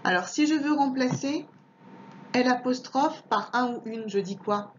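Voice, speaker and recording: A woman teacher giving a home lesson to a young child, patient and slow, repeating words and spelling out letters one by one. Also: high-pitched, a little hiss or hum. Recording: dull lo-fi home recording.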